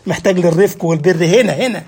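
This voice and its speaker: A man with an Egyptian Arabic accent preaching a sermon, telling lively stories and acting out the voices of the people he quotes. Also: high-pitched, quick pace, slightly rough.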